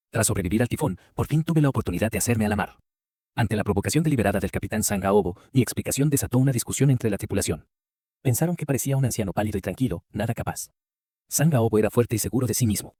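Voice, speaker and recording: A man giving a scripted first-person story narration with a brisk, even storytelling read. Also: fairly low pitch, slightly rough, dry recording, studio quality.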